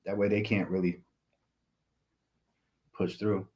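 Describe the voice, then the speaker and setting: A man's voice: deep voice, level tone, slow pace, a little mellow. A man co-hosting a livestream, joking loosely and swearing casually. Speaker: livestream co-host. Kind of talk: casual live chat.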